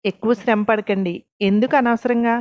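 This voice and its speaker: Woman playing a calm, taunting woman boss. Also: fairly high pitch, normal speed, highs cut off, natural voice. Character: cool, scheming woman boss, calm and mocking.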